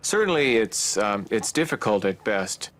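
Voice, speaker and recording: A man's voice: on the low side, sing-song, unhurried, a bit bright. An American man talking casually in an interview as a storm chaser.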